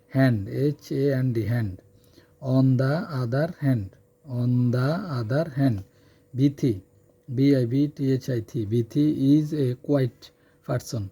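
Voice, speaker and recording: A man teaching English in a reading lesson, spelling words letter by letter and repeating them slowly. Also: medium pitch, dark tone, breathy edge.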